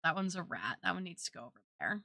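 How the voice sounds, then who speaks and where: A woman's voice: fairly low pitch, expressive, quick pace, gravelly, pushed and bright, no room sound, studio quality. A woman chatting casually on an art livestream, rambling and thinking aloud. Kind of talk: casual, rambling livestream chat while drawing.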